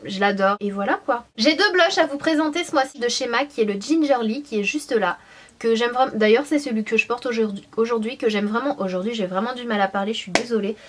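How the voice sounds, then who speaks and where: A young woman talks through her favourite makeup in a casual, gushing tone. She pauses on fillers and restarts her sentences as she goes. Her voice sits slightly high. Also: a little hiss or hum. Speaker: beauty vlogger. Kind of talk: casual product review.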